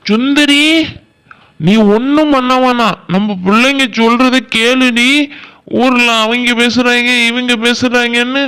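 A man voicing a calm, fatherly village husband in a cartoon, firm and calming with his wife. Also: very high-pitched, a little slow, smooth, heavily acted. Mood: soothing. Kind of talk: Tamil cartoon voice acting.

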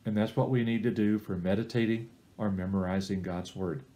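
A man's voice: on the low side, steady tone, warm tone. Man teaching a church Bible study. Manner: plain, unhurried teaching with step-by-step tips. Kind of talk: recorded church small-group lesson.

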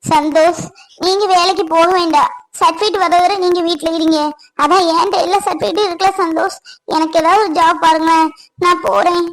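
A woman playing a worried young wife, very high voice. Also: steady tone, a little fast, rough recording. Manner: worried, pleading, soft. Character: anxious young runaway wife, self-blaming. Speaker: actor. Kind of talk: family comedy-drama acting.

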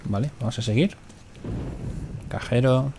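Spanish let's-play man, mid-pitched voice, jumpy and cursing, faint hiss behind. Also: a little slow. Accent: Spain Spanish. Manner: swears often, jumpy and excitable in fights. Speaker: gaming commentator.

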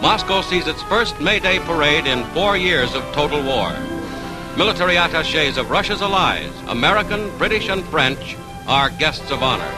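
A man's voice: on the high side, big pitch swings, normal speed, pauses often, over loud music, rough recording. Man narrating an old wartime newsreel. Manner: emphatic, declamatory announcer delivery.

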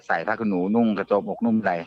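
A man casually telling a ghost story on a live show, halting and often repeating his words. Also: lowish voice, fairly even intonation, lo-fi sound. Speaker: guest storyteller.

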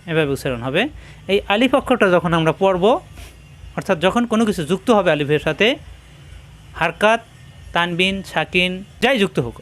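A man teaching Quran reading in a spoken lesson, patiently repeating each letter sound slowly for practice. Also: high-pitched, a bit bright. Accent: Bangladeshi Bengali.

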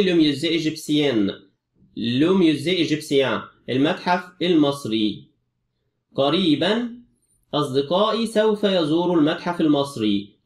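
A man's voice: on the high side, roomy sound, recorded from a distance. A man with an Egyptian Arabic accent teaching a French exam review, explaining each answer step by step.

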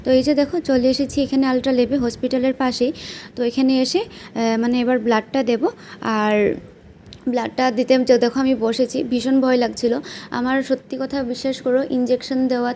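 Chatty young Bengali woman, high voice. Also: warm tone, a little hiss or hum. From West Bengal, India. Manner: chatty, plain-spoken, many fillers. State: unwell with stomach pain. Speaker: vlogger. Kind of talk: casual vlog narration. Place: at home and out and about.

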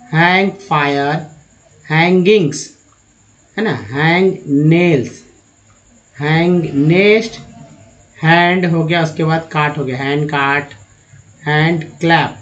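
A man teaching English reading, sounding out word after word slowly and drawing each one out. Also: fairly high pitch, muffled recording. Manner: slow, drawn-out spelling of each word.

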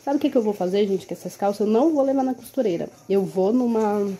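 A woman's voice: mid-range voice, animated, quick pace, mellow, slight background noise. A young woman with a Brazilian Portuguese accent, chatting casually in a home vlog, recorded on a phone held at arm's length in a small room. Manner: chatty, with many tag questions like "tá?" and "entendeu?". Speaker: vlogger and mother.

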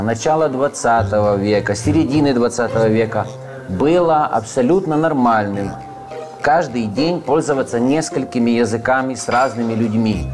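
With background music playing, a man with a mid-range voice, an author from Uzhhorod in western Ukraine, is a guest in a relaxed conversational interview. He sits at a table in a cozy room full of wall clocks, speaking thoughtfully and hesitantly, often using filler sounds and correcting himself.

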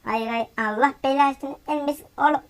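A woman giving excitable gameplay commentary, often exclaiming and laughing as she plays. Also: high-pitched, normal speed. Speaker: gaming YouTuber.

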